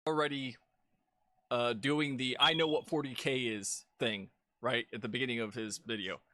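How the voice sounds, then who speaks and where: A man co-hosting a reaction video, arguing his points deliberately. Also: mid-range voice, fairly even intonation, bright, forceful tone, dry recording, clean studio sound. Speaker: co-host. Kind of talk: casual reaction commentary.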